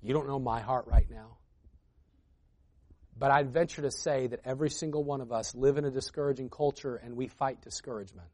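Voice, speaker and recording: A man preaching a sermon as a guest preacher, moving between quiet intimate lines and loud emphatic builds, reading scripture aloud. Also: medium pitch, fairly quick. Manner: reads scripture aloud between conversational asides.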